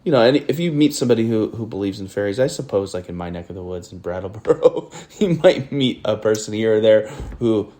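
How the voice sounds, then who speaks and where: Warm and expressive, this fairly low-voiced man talks briskly with hardly any pauses while hosting a relaxed podcast chat. He's from northern Ohio, has a General American accent, and stumbles through lots of fillers and restarts.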